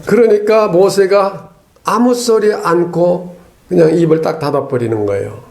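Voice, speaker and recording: A man's voice: high-pitched, unhurried, gravelly, a little mellow, reverberant. A man preaching a sermon as pastor, talking conversationally and tossing rhetorical questions and a questioning "eh?" at the congregation. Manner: tags lines with a questioning "eh?".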